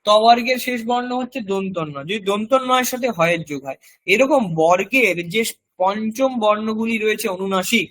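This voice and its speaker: In this recorded language lesson, the male teacher's high, fairly bright voice walks through each point in turn. He says example words slowly and more than once so learners can copy him.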